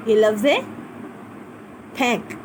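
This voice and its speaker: Woman, patient step-by-step teacher, high-ish voice, light background hum. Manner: patient, slow, step-by-step spelling out letters. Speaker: primary school Urdu teacher. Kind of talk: recorded class lesson.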